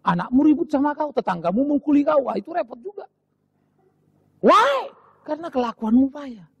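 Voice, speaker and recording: Male pastor from Indonesia, high-pitched and gravelly, dramatic sermon delivery from shouts to whispers. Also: dry recording, dull audio. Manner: animated preaching, swinging from shouts to whispers.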